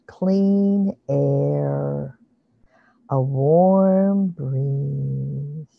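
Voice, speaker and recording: Online meditation guide: slow, soothing, hushed delivery, medium pitch, dry but dull lo-fi recording. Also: gravelly, slightly rough, dry recording. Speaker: relaxation guide leading an online session. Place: online video call with screen sharing.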